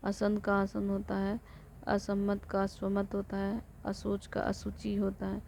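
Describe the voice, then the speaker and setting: A woman teacher reciting vocabulary lists for exam prep in a flat rote way, sometimes correcting herself. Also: mid-range voice, unhurried, gravelly. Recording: dull lo-fi recording with faint noise.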